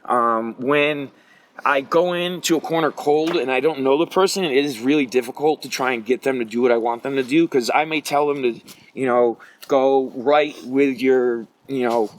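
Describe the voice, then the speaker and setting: A man's voice: medium pitch, normal speed. An American man in his forties talking casually and emphatically as a coach answering interview questions, in colloquial phrasing. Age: 40s. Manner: colloquial, emphatic, peppered with "you know". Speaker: jiu-jitsu coach and competitor. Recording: noisy recording with clicks.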